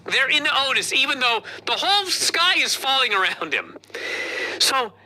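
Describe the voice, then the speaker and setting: Animated, bright-voiced wrestling podcast host. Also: sits high, moderate pace, slight background noise. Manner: profane, animated play-by-play retelling. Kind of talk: casual wrestling review chat.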